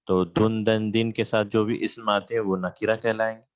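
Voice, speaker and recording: A man's voice: on the low side, flat delivery, no echo. A man teaching Arabic grammar in an online class, patiently repeating terms and checking in with his students. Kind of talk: online class lecture with screen share. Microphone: computer mic on a video call.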